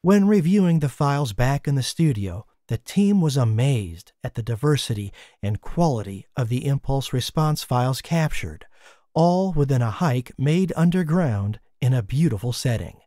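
A man giving scripted documentary narration in a measured, explanatory way, recorded as a voice-over. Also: medium pitch, animated, warm tone, no echo, studio quality.

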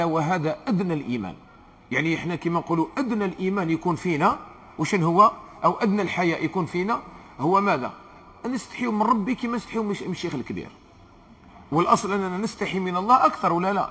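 Fast, high-voiced Algerian preacher man. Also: a bit bright, slight background noise. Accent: Algerian Arabic. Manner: earnest, repeats key phrases for emphasis. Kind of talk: sermon.

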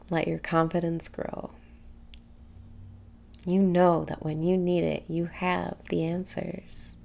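Slow, gravelly-edged woman guiding meditation softly. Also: lowish voice. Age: young adult. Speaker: meditation guide. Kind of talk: guided meditation. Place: small room indoors.

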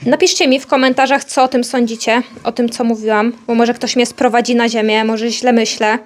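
A woman's voice: fairly high pitch, level tone, a little fast. A young woman, chatting casually in her vlog about her pets. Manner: chatty, talks fondly to her animals. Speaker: vlogger.

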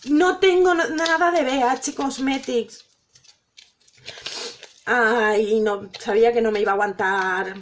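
A woman's voice: on the high side, takes it slowly, pauses often, slight background noise. A middle-aged woman from Spain, gushing and emotional as she opens gifts from viewers at home, exclaiming over each one. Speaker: vlogger opening viewer gifts. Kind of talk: excited unboxing chat.

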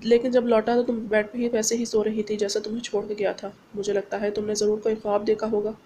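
A woman's voice: medium pitch, little pitch movement, fast talker, mellow, slight background noise, natural voice. A woman voicing a loving young husband who soothes and teases his wife, read as part of a novel. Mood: soothing. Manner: soothing and playful.

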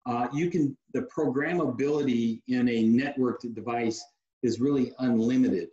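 Over a dull-sounding webcam in an echoey room, a security tech company guest in his forties talks through his company's products during a video call interview. His mid-range voice moves at normal speed, easygoing and practical with a salesman's savvy, peppered with "uh".

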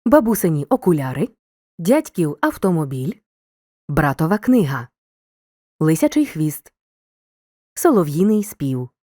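A woman narrating a scripted video lesson in a mellow, slightly low voice. Her pitch rises and falls widely as she sets out each example clearly and deliberately. The recording is a dry, close studio voice-over. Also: sing-song, dry recording. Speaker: teacher.

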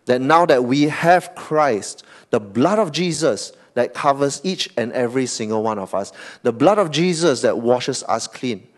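A Singaporean man preaching a sermon as pastor, animated, often tagging lines with "okay?" and "right?", swinging between loud emphasis and soft asides. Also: mid-range voice, measured pace, few pauses.

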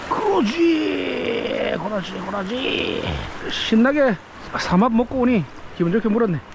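An extremely high voice with lively intonation and vocal fry carries this unhurried, casual vlog narration. The man fishes and eats on a rocky riverbank, day and night, chatting and exclaiming to himself into a head-mounted action camera, with background noise present.

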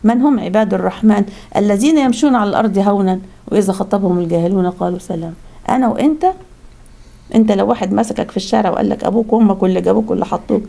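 Fast-talking Egyptian woman preacher. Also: medium pitch, vocal fry, dark tone. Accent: Egyptian Arabic. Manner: fast, conversational, frequent restarts. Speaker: religious speaker. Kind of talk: religious talk with storytelling.

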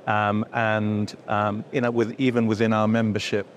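A man's voice: on the low side, little pitch movement, moderate pace, a little hiss or hum. A middle-aged man, an industry association executive, answering interview questions, with many fillers and restarts as he explains. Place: indoor event room before a logo backdrop.

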